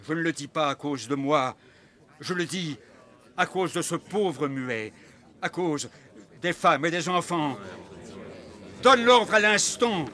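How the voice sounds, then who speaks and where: A man's voice: on the high side, sharp tone. An actor playing a townsman who urgently pleads for the city's surrender in a classic stage drama.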